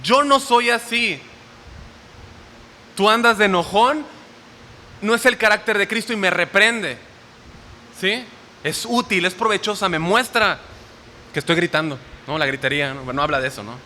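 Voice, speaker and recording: High, bright preacher in a reverberant hall. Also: male voice, moderate pace, long pauses. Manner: asks the audience questions often. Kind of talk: sermon. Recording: hall reverb with faint noise.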